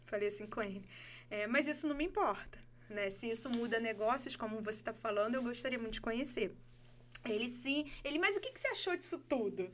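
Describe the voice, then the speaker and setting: A Brazilian woman telling a story in casual podcast chat, animated and laughing as she acts out dialogue. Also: fairly high pitch, fast talker, slight background noise. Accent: Brazilian Portuguese. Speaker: guest.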